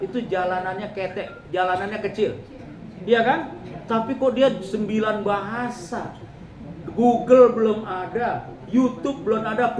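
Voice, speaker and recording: Joking middle-aged preacher in an echoey hall. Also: male voice, sits high. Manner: lively, joking, addresses the audience as ladies and gentlemen. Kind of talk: humorous religious talk. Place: mosque hall. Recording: echoey hall with faint ambience.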